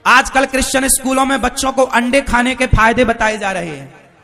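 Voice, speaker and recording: A man's voice: very high voice, brisk, vocal fry, bright, forceful tone, faint music behind. A man preaching a devotional sermon to a live audience, who keeps asking his listeners rhetorical questions. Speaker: religious preacher.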